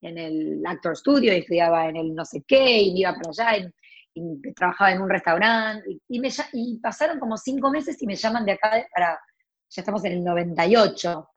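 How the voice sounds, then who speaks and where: A Rioplatense Argentine actress in her forties chats casually about her life, restarting often and wandering into asides. Her medium-pitched voice has lively intonation and a fairly quick pace, though the audio sounds dull.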